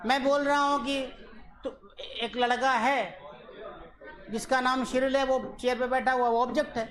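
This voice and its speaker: A man's voice: very high-pitched, steady tone, moderate pace, a bit bright. A man teaching physics in a classroom lecture. He jokes and teases his students, slips English phrases into his explanations and repeats the key terms. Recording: live classroom recording with student chatter. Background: chattering students.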